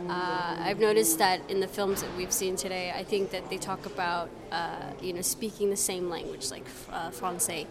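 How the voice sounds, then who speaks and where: A woman's voice: fairly low pitch, fairly even intonation, moderate pace, hardly any pauses. A young woman from Canada answering interview questions in a hesitant, casual way, full of ums and uhs. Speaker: festival visitor interviewed. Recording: crowd chatter at a festival.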